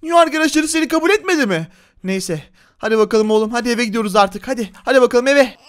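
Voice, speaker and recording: A man's voice: very high voice, expressive, fast talker, a bit bright. A man hosting a Minecraft role-play, chatty and teasing, talking to his viewers. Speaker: game role-play host and narrator.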